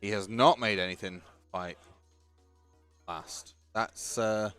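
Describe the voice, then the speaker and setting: A man's voice: on the low side, slow pace, fairly bright tone, clear, resonant tone, soft background music. A man giving casual live-stream commentary on a tabletop game, chatty and joking while he sorts out the stream.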